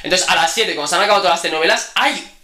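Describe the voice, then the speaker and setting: A young man with a Spanish accent from Spain, co-hosting a homemade podcast in casual, animated chat. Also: high voice, roomy sound. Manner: fast, animated storytelling. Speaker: podcast co-host. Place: home room. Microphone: cheap desk mic.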